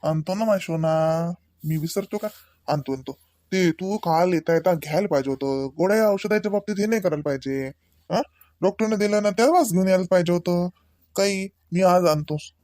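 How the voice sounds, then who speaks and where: Woman doing an easygoing uncle, teasing and caring, lowish dry voice, comedy sketch. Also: a little fast, mellow, dry recording, lightly acted. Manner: reassuring, teasing.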